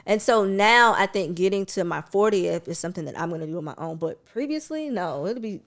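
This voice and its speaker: A woman in her late thirties, co-hosting a podcast and telling her own story in a candid, animated way, using slang. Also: mid-range voice, fairly quick. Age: 30s. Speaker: podcast co-host. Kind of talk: casual chat.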